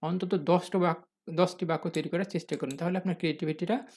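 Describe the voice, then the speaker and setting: Teacher for a recorded grammar lesson. Patient and methodical, answers their own questions, and spells out each example sentence slowly. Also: mid-range voice, steady tone, a little mellow, husky. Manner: addresses the viewers as "dear learners".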